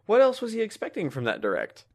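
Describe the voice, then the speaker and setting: A man co-hosting a podcast, talking casually and telling rambling, animated stories. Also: sits high, quick pace. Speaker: podcast co-host. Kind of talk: casual chat.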